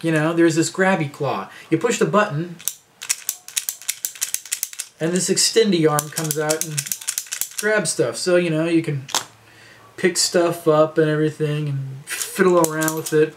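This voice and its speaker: A man's voice: a little high, slight background noise. A man in his thirties rambling casually to camera in a vlog, with lots of fillers and restarts. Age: 30s. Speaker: vlogger.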